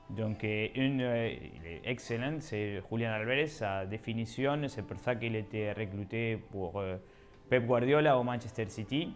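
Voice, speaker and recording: A man from Argentina with an Argentine Spanish accent, a restaurant owner speaking earnest, slightly halting French in a recorded testimony. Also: mid-range voice.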